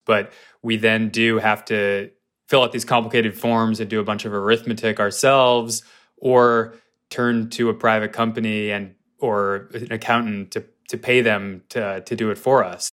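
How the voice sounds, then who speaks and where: Lowish-voiced American man, halting explainer. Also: flat delivery, a bit bright. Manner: halting, stumbles and rephrases. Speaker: reporter being interviewed. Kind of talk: conversational explanation.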